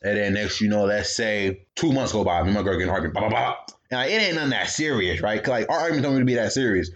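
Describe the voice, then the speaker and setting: A man's voice: fairly low pitch, fast talker, highs cut off. A young man hosting a podcast, telling a casual comedic story in slang and acting out the voices of the people in it. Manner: animated storytelling, slangy, acts out quoted voices. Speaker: podcast host.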